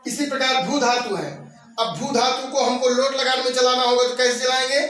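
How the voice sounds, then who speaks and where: A man teaching a classroom grammar lesson, reciting verb forms slowly and explaining each step. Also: very high-pitched, steady tone, bright, forceful tone, faint music behind. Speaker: Sanskrit teacher. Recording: echoey room, voice from a distance.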